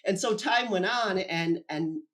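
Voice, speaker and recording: A woman speaking as an interview guest, recounting her experience in a lively, animated way. She acts out conversations as she tells them and laughs easily. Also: mid-range voice, measured pace. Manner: animated, acts out quoted dialogue, laughs often. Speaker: whistleblower guest. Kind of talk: interview storytelling.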